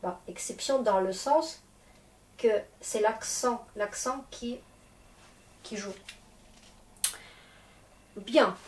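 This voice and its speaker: A woman's voice: a little high, drawn-out words, pauses often. A woman who is a Russian teacher and native Russian speaker, explaining grammar patiently and checking often that the class follows. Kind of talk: classroom lesson. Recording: echoey room, distant mic, faint noise.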